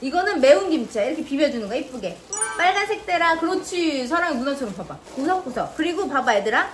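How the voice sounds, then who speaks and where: Mom vlogger, high bright pitch, very animated, sing-song coaxing of children. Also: female voice, fast, a little hiss or hum. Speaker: mother and vlog host. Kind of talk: casual instructions to children mixed with product narration.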